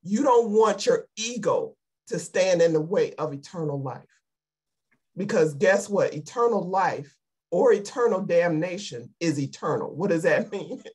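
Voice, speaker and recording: A woman's voice: lowish voice, expressive, a little slow, a little mellow, husky. A woman giving an emotional, fervent sermon over a video call, repeating her exhortations. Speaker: lay preacher.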